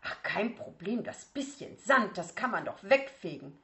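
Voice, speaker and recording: A woman voicing a brisk, dismissive mother who scolds. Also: medium pitch, animated, a bit bright, voice pushed up. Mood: scolding.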